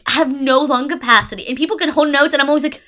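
A woman's voice: high-pitched, fast talker, sharp tone. A woman in her twenties co-hosting a podcast, chatting casually with playful jokes and teasing. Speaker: podcast co-host. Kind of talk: casual chat.

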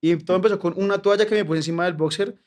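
A man's voice: high voice, very fast, a little mellow. A young Colombian man with a Colombian accent, a comedian telling stories in casual podcast chat, slangy and profane. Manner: slangy, profane, laughing storyteller. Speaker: comedian guest.

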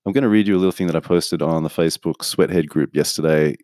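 Male podcast host, very low voice, dry close sound, candid rambling monologue. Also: quick pace, a little mellow, no echo. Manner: rambling, candid, self-interrupting with restarts. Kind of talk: casual solo podcast monologue.

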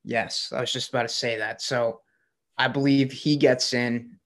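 Увлечённый мужчина, ведущий спортивного подкаста. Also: male voice, medium pitch, steady tone, normal speed, fairly bright tone. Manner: enthusiastic, rambling, many fillers. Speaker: podcast co-host. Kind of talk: casual sports chat.

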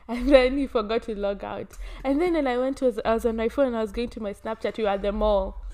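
A woman's voice: fairly high pitch, warm tone. A woman hosting a casual podcast, telling stories in an emphatic way and repeating phrases for effect. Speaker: podcast host. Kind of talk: casual chat, animated storytelling.

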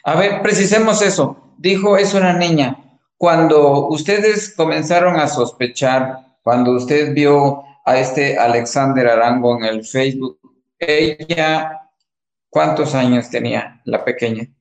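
A man hosting a call-in show who asks measured, probing questions. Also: on the high side, echoey room, poor audio. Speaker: radio host.

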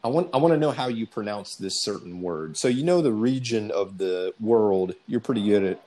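A man's voice: fairly low pitch, animated, normal speed, mellow, low-quality recording. Chatty man in his forties hosting. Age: 40s. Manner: chatty, rambling with asides. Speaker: podcast host. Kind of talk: casual interview chat.

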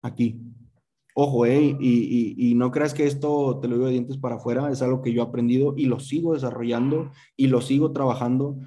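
A man's voice: mid-range voice, steady tone, a little fast, mellow. A man giving a motivational speech to his sales team on a group call, emphatic and full of rhetorical questions, with some swearing.

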